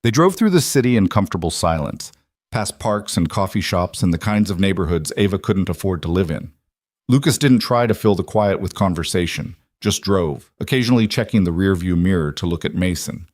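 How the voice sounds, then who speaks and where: A man narrating a scripted story in an even, steady reading voice on a close microphone. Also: deep voice, a little fast, no echo.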